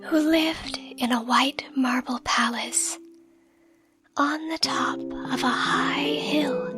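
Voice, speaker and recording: The mood is gentle storytelling as a woman, high-voiced and whispery, plays an affectionate catgirl girlfriend helping her partner drift off to sleep. Her soft, breathy delivery is tender, gentle, unhurried and reassuring in this ASMR bedtime roleplay and slow storybook reading, heard on a close microphone with soft music.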